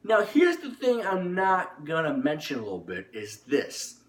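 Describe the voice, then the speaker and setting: A storytelling YouTuber tells his viewers a personal story informally, rambling and insistent, often repeating himself and restarting phrases. His voice is on the high side with huge pitch swings, and he talks a little slowly. The room echoes and the microphone is distant.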